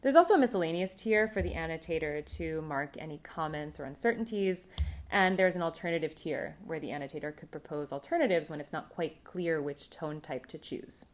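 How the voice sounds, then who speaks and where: Measured woman giving a linguistics talk. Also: sits low. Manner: clear, measured, explanatory. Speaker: linguistics conference presenter. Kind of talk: recorded academic talk.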